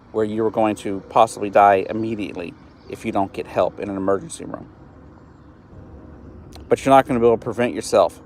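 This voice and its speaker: A man in his late thirties from East Texas hosts a solo live-stream show in a fairly low, slightly mellow voice. Earnest and frustrated, he frequently trips over his words and begins again. A little hiss or hum sits under the recording.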